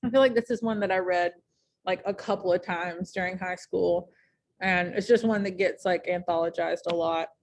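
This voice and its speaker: A woman teaching a high school English class in a casual, chatty way, full of ums and likes, speaking in a classroom. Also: steady tone, moderate pace, slight background noise. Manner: chatty, many fillers like um and like.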